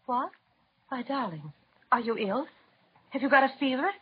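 A fussing, breathy mother. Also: high voice, lively intonation, moderate pace, exaggerated voice. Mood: worried. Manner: fussing, solicitous. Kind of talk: 1930s radio drama acting. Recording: dull old radio transcription.

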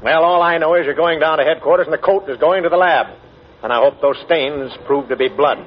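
A man's voice: on the high side, brisk, lightly acted. Blunt, bossy police inspector played by a man. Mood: accusing. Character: gruff, gloating, stubborn police inspector, adult man. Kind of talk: 1940s radio acting. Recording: muffled, noisy 1940s radio recording.

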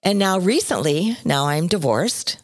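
Low-voiced woman in her sixties. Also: a little slow, dry recording, studio quality. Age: 60s. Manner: expressive storyteller, swings between low and high pitch. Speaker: podcast co-host. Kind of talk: casual chat.

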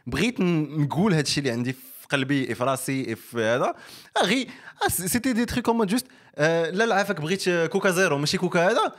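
A man's voice: on the high side, fast. A man with a Moroccan accent, hosting a podcast in casual chat and telling stories animatedly, mixing in French. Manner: animated storytelling, mixing French into his speech.

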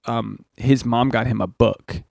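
In a casual comedy podcast, a male host in his thirties spins crude, rambling tales with animated energy. His voice is mid-range and creaky, delivered at a measured pace. The studio recording is clean with no echo.

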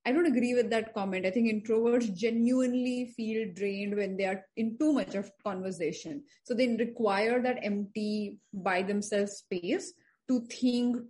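Woman, podcast host; probing interviewer, voice pitched a bit high. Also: normal speed, warm tone. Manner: probing, affirming listener. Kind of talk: interview questions.

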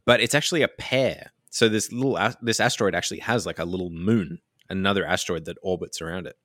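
A man with a very low but bright, forceful voice chats casually, explaining with animated enthusiasm and frequent fillers. The sound is dry and close to the mic. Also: fast talker, dry recording. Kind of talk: casual chat.

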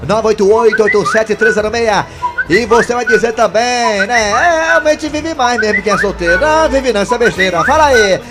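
A man's voice: very high voice, normal speed, over loud music. A man hosting a call-in radio show, joking and teasing callers and singing out his greetings. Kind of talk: lively call-in radio banter.

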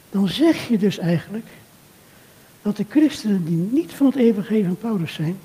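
Older man, very dark voice, echoing hall. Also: high-pitched. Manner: earnest, measured, addressing the listener directly. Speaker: speaker at a church conference. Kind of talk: reflective sermon talk addressed to a listener. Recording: long reverb of a hall.

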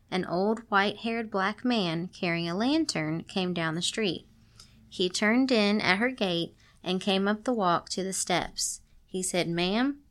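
A woman's voice: mid-range voice, fairly bright tone. A woman hosting a show, reading a story aloud and breaking off for playful, sarcastic comments. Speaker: podcast host reading stories aloud. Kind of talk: casual reading aloud with joking asides.

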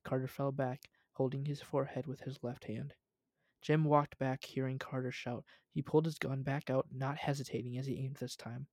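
A man's voice: mid-range voice, little pitch movement, normal speed, a little mellow, no room sound, studio quality. A young man reading a story aloud at home, casual, with asides.

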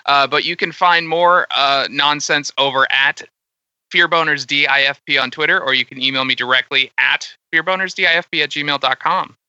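Male podcaster, very bright, clear voice, casual talk. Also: a little high, moderate pace, dry recording, dull audio. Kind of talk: casual chat.

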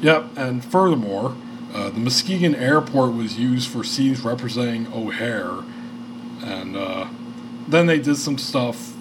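Expressive and unhurried, this thirtysomething Michigan man's mid-range voice carries a rambling, profane, filler-heavy story on his casual podcast. Background noise can be heard.

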